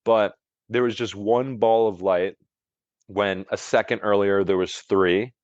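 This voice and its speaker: A man's voice: lowish voice, fairly even intonation, a little slow, dry recording, highs cut off. A man as a podcast guest, telling a story in a casual, rambling way, full of "like" and restarts. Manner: rambling, heavy use of "like" and restarts. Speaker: podcast guest, longevity coach.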